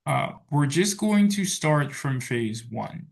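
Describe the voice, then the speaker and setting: A man teaching an English class, talking in a relaxed way full of fillers like "so" and "okay". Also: on the high side, slow, gravelly. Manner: relaxed, filler-heavy, says "so" and "okay" a lot. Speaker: English tutor. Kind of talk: online tutoring class.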